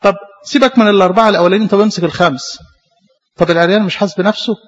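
A man with an Egyptian Arabic accent delivers a sermon at a brisk clip, in a high, slightly husky voice. He presses his points with rhetorical questions and repeated phrases. The recording sounds dull and lo-fi. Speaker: preacher.

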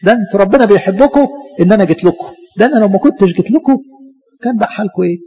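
A man's voice: high-pitched, racing, dark tone. A man with an Egyptian accent, in a slightly dull lo-fi sermon recording, acting out a boastful proud man who brags about all he has done. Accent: Egyptian Arabic. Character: boastful proud man bragging of his deeds.

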